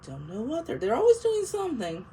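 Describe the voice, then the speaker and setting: Seated at home with a cold, a woman in her fifties who vlogs about planners talks in a nasal, congested, rambling way, laughing frequently. Her voice sits high with huge pitch swings, a dark tone, and a slightly quick pace. Neighbors' construction can be heard faintly.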